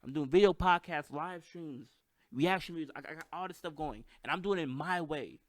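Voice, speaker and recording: A man's voice: on the high side, moderate pace, dry recording. A man with a slight lisp and a stutter, hosting a casual solo podcast, hyped and self-deprecating. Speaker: podcast host. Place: at home with microphone.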